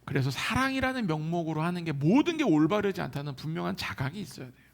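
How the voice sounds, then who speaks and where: A male pastor preaching a sermon in a lively, colloquial way, often acting out the people he quotes. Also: a little high, fast, vocal fry. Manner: animated, colloquial preaching that acts out quoted voices. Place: church hall.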